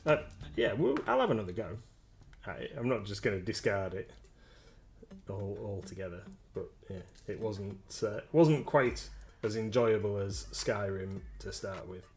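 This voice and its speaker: A man hosts a casual home live stream, talking in a halting, self-deprecating way full of ums and restarts. Soft music plays faintly behind him. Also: fairly low pitch, lively intonation. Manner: hesitant, self-deprecating, many fillers. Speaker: live-stream host painting miniatures. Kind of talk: casual chat.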